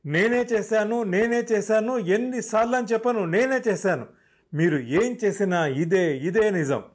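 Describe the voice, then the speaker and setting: A man's voice: medium pitch, steady tone, moderate pace, a little mellow, close to an everyday voice. A man voicing a stubborn, nervous male murder suspect who insists with a shaky voice. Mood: insistent.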